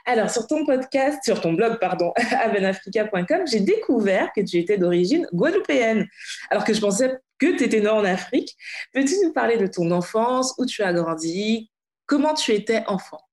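A woman's voice: medium pitch, expressive, normal speed, a little mellow. A woman in her late thirties from France, hosting a casual interview podcast in a friendly, conversational way. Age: late 30s. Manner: friendly, conversational, addresses guest informally. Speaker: podcast host.

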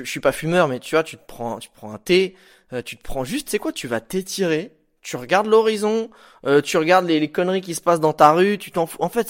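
Guy hosting a podcast, fairly high voice, super informal and lively, swears a bit and does little sound effects in his stories. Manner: informal and animated, with slang and swearing. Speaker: podcast host. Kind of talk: casual motivational podcast monologue.

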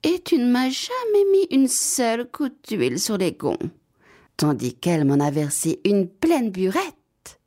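A woman voicing a creaky old wooden gate that grumbles. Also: a little high, sing-song, measured pace, mellow, pitched above the performer's own voice. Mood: aggrieved.

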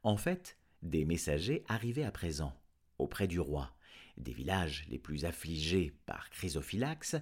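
A man narrating a storybook aloud in an expressive, dramatic reading. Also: low-pitched, a little slow. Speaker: audiobook reader.

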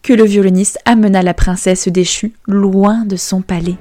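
A woman storyteller narrating a fairy tale in a calm, measured way. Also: mid-range voice, soft background music.

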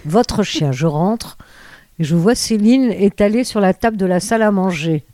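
A woman's voice: medium pitch, normal speed, mellow, dry recording. An older woman, a former radio host, telling rambling stories with many hesitations and restarts in an interview. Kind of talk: anecdotal storytelling.

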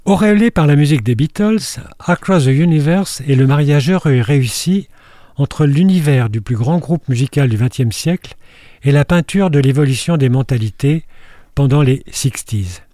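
A man's voice: fairly high pitch, lively intonation, normal speed, mellow, no echo, clean studio sound. An older man reading a wry, scripted film column on the radio, with storytelling asides.

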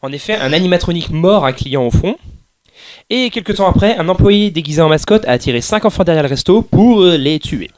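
Chatty man host, slightly high voice. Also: lively intonation, a little fast. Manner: explanatory, stumbling restarts, laughs often. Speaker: podcast host presenting a game series. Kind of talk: casual chat.

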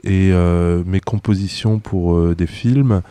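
A man speaking as a musician guest on a radio talk show, halting and searching for words. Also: low voice, dark tone, clear, resonant tone, no echo.

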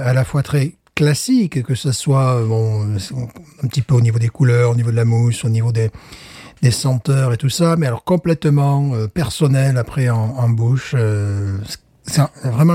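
A man's voice: medium pitch, moderate pace, dark tone, dry recording. A man co-hosting a beer tasting show in casual chat, rambling with fillers and restarts. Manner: rambling, many fillers and restarts, chuckles often.

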